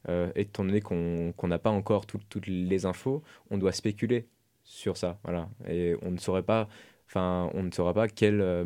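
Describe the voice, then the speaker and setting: Young man, student guest, very low voice, dark, hesitant, radio interview. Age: young adult. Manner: hesitant, many fillers and restarts.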